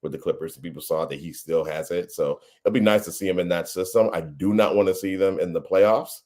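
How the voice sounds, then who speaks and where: A man co-hosting a podcast, chatting casually about sports, laid-back and quick to laugh, often repeating his words. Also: sits low, a little mellow. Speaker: podcast co-host.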